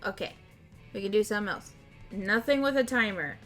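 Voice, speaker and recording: A woman streamer chatting casually and easily while hosting party games on a livestream, often quick to laugh. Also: medium pitch, lively intonation, fairly bright tone. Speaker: streamer and host. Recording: music playing behind the voice.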